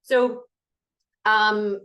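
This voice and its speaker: A woman hosting a casual live group coaching call over video, excitable, laughing at her own slips and swearing freely. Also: medium pitch, extremely slow, lo-fi sound.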